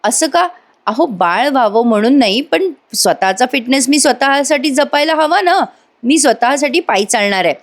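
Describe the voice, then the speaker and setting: A woman doing a young wife who is hopeful and devoted, talking cheerfully and coaxingly, her voice fairly high. It stays close to her own voice. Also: expressive, moderate pace.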